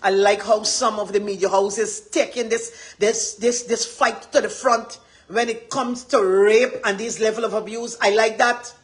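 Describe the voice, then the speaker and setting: A woman's voice: fairly high pitch, steady tone, measured pace. A woman with a Guyanese accent gives an impassioned, rambling live address as a community advocate, repeating her points with emphasis.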